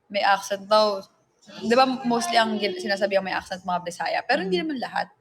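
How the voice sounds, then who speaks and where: A woman's voice: medium pitch, brisk, crowd noise. A woman from the Philippines hosting a livestream in casual chat, talking freely and often trailing off to restart a thought. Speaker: livestream host.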